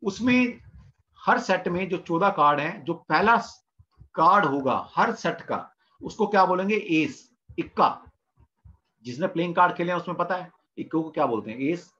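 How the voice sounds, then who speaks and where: A man's voice: sits high, lively intonation, moderate pace, sharp tone, highs cut off. A man teaching tarot in an online class, asking his students questions and answering them himself while repeating the terms. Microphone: video call mic.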